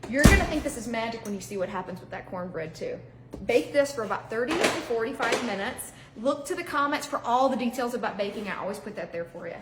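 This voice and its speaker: A woman's voice: a little high, lively intonation, fast, heavy background noise. A woman from Mississippi with a Southern accent, hosting a cooking demonstration in a bubbly, enthusiastic way. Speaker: cooking show host.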